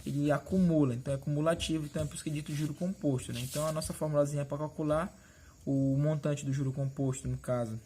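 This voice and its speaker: A male math teacher explains each step of a lesson, pointing at the board and asking quick check-in questions. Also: fairly high pitch, steady tone, warm tone, a little hiss or hum.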